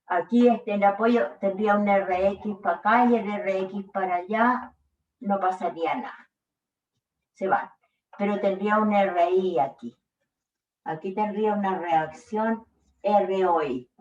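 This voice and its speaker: Lady teacher walking thru a physics problem, slow, far from the mic in an echoey room. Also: mid-range voice, a little mellow, lo-fi sound. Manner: slow, checks in with frequent "¿ya?". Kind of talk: explaining a worked problem.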